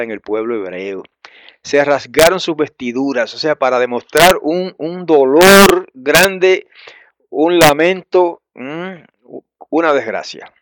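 A man's voice: mid-range voice, dry recording, dull audio. Man preaching a conversational Bible lesson. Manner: conversational, addresses listeners as brothers, frequent tag questions; explains and repeats words, with pauses and restarts. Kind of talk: Bible teaching sermon.

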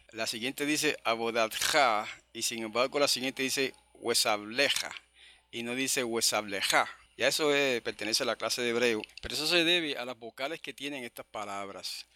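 Bright-voiced man teaching Bible verses. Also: medium pitch, no echo. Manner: explains patiently, checks in with "¿verdad?"; spells out Hebrew words slowly, stressing syllables. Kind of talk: verse-by-verse Bible study with Hebrew readings. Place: online congregation session.

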